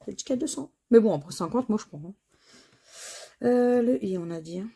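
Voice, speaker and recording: A woman's voice: mid-range voice, animated, a little fast, dark tone. A woman chatting casually to viewers as she scratches tickets, spelling out letters one by one. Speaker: scratch-card vlogger.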